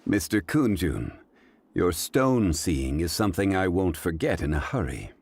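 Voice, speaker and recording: Deep-voiced, dignified scholarly gentleman. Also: sing-song, creaky, a little hiss or hum, full character voice. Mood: courteous. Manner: formal, measured phrasing, deliberate. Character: composed, dignified, scholarly man, grave and courteous. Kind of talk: video game character acting.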